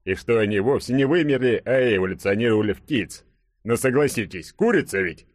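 A man reading an audiobook, voicing a brash burly young man who boasts and jokes loudly. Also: medium pitch, expressive, brisk, no room sound, studio quality, natural voice. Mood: boastful joking. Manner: loud, swaggering, joking. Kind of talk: audiobook character voice.

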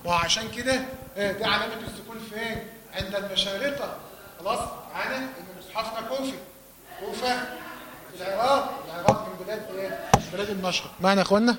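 A man with an Egyptian Arabic accent teaching Quran recitation to a class, quizzing them with questions and demonstrating words slowly. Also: sits high, noisy background. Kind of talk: lesson to a class.

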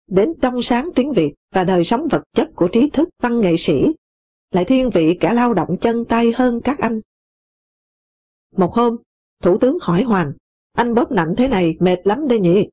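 A woman reading a memoir aloud in an even, measured way, dropping lower and slower for quoted lines. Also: dry recording. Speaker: audiobook reader. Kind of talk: scripted memoir narration. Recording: dull lo-fi dry recording.

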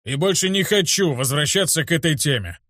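A gruff, irritable grown man who brushes off every doubt, as a male narrator puts him on. His talk is brusque and impatient. The read sounds close and dry. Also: a little high, lively intonation, normal speed, a bit bright, no room sound, voice pushed up.

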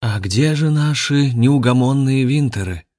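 A man's voice: mid-range voice, a little slow, darkish tone, pitched above the performer's own voice, lightly acted. A man voicing a scheming villainous male grandmaster who leads a cult, venomous and commanding. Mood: sly, mocking.

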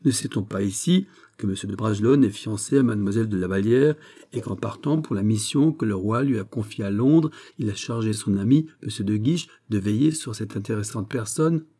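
A man reading an audiobook, voicing a haughty, sharp-tongued young princess with ironic, exasperated questions. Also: fairly low pitch, a little fast, lightly acted. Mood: scornful.

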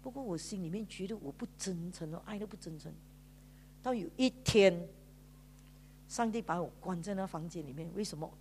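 A woman's voice: fairly low pitch, moderate pace, darkish tone, a little hiss or hum. A woman pastor with a Malaysian Mandarin accent, giving an emotional sermon testimony in a storytelling way, drawing out sentence particles and mixing in English words. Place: church.

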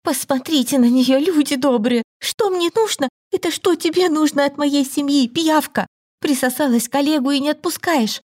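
A woman putting on a shrill, hysterical jealous wife. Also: moderate pace, darkish tone, no echo, clean studio sound, natural voice. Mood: screaming.

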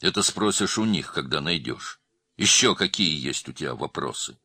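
A man voicing a hot-tempered, scornful male crime clan brother who shouts, in a story reading. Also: a bass voice, expressive, moderate pace, slightly rough, dry recording, heavily acted. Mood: defiant.

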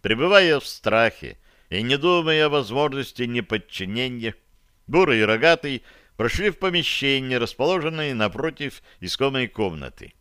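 A man reading an audiobook in a measured, even scripted narration. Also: medium pitch, clear, resonant tone, no echo, studio quality.

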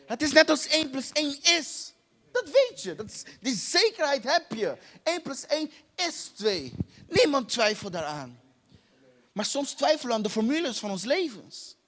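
A man with a very high voice preaches, hammering points home through repetition and direct questions to the congregation. His voice rings out in a large hall with a long, lingering reverb. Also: a bit bright. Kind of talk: sermon.

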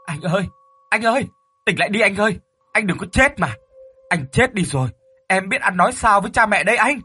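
A man voicing a timid young boy, the scared younger brother, in a narrated ghost story, speaking in a high pleading voice. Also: animated, brisk, pushed and bright, husky. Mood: wailing.

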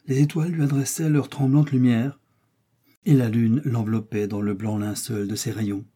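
A man narrating a classic novel as an audiobook, reading slowly and expressively. His voice is mellow and dark, with a husky grain. It is a calm, steady scripted narration. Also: mid-range voice.

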